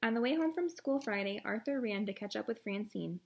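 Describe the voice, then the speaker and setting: A woman's voice: mid-range voice, lively intonation, fairly quick, gravelly, a little hiss or hum. A woman reading a picture book aloud to children, adding short friendly asides to viewers. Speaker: story reader.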